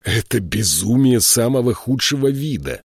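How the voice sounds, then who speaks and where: Dude doing a tired stern prince in an audiobook, low slow voice, dry close sound. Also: male voice, lively intonation, darkish tone, no room sound. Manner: slow and grave. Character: brooding weary prince, stern and haunted.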